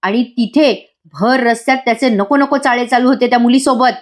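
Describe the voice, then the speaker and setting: A woman's voice: a little high, steady tone, fairly quick, natural voice. A woman reading the lines of a protective middle-aged mother in a serial recap, stern and scolding. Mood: furious.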